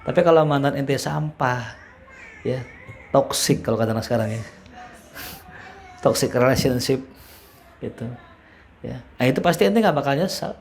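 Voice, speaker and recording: A man's voice: medium pitch, normal speed, vocal fry, long pauses, a little mellow. Brief: male ustadz, playful lecture tone, Arabic quotes, faint background hiss. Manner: joking, colloquial, reads Arabic phrases then explains. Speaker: ustadz teaching a religious study class. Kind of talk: casual Islamic study lecture.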